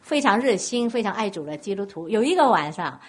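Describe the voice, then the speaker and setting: Woman preacher, Cantonese accent, husky voice, lively swooping pitch, storytelling sermon. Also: a little fast. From Guangdong, China. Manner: animated storytelling, questions to the congregation.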